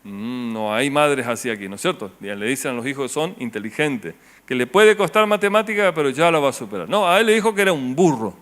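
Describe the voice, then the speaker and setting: A man with a Rioplatense Spanish accent preaching a sermon as pastor, asking the congregation rhetorical questions and dropping his voice low and soft on key words. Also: lively intonation, fast talker, few pauses.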